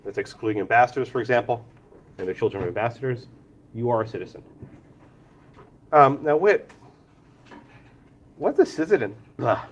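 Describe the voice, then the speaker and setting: With mild congestion lowering his voice, a man leads a law class in a lecture room, calling students by name and questioning them hard. His medium-pitched voice is expressive, at a moderate pace with frequent pauses, on a muffled recording.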